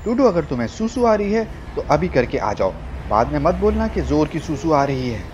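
A man's voice: on the high side, big pitch swings, moderate pace, a little mellow, lo-fi sound, a little hiss or hum, voice pushed up. A man voicing a fussy, anxious mother in a cartoon horror story, with a scolding, fretful manner.

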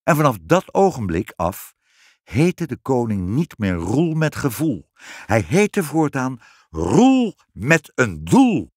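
Animated man reading a fairy tale. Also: mid-range voice, slow pace, no echo, studio quality. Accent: Dutch. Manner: expressive, animated. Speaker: narrator. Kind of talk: storybook reading.

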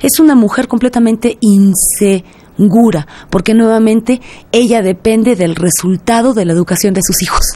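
Animated woman explaining on radio. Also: a little high, normal speed. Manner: lively and didactic, speaks directly to listeners. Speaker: guest expert on sexuality.

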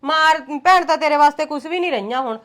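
A woman's voice: high voice, fast talker, fairly bright tone. A woman playing a coaxing mother. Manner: coaxing, then scolding. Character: scheming Punjabi mother pressing her son. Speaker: actor. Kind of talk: short film drama.

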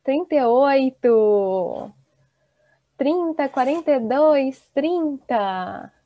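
A woman in her thirties teaching an online Portuguese class, slowly and encouragingly reading out students' chat replies. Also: sits high, expressive, dry recording. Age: 30s. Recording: dull, dry video-call audio.

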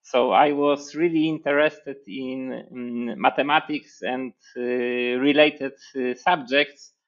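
A man in his forties from Poland with a Polish accent, speaking as an interview guest in a measured, hesitant way with many fillers. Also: mid-range voice, steady tone, dull audio. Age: 40s. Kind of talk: interview over video call. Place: room with hexagon panel wall. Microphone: headphones with mic on video call.

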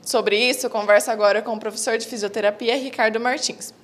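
A woman's voice: a little high, fairly even intonation, quick pace. A young woman, a student reporter, introducing a story and asking polite questions into a handheld mic. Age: young adult. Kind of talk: field reporting and interviewing.

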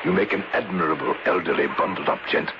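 An actor playing a deep-voiced gentleman narrator. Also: quick pace, close to an everyday voice. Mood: courteous. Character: composed English gentleman narrator, resolute. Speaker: narrator and protagonist. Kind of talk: 1970s radio drama narration. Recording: hissy lo-fi vintage radio recording.

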